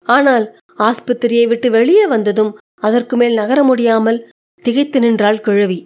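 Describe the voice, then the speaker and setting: A woman reads a short story aloud with a measured, expressive delivery. Her voice sits fairly high, steady and clear, in plain scripted narration.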